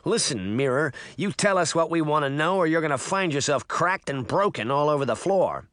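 A man's voice: fairly high pitch, animated, a little fast, a bit bright, no echo, studio quality, pitched above the performer's own voice. Male reader as a brash, defensive storybook fairy who plays the villain. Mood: defiant. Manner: defensive, threatening. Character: cocky, defensive boy fairy who calls himself a villain.

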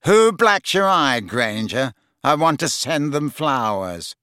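A man's voice: fairly high pitch, sing-song, takes it slowly, a bit bright, clean tone, no echo, studio quality, exaggerated voice. A man reading an audiobook, voicing a sneering, spoiled teenage boy. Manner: sneering, snarling.

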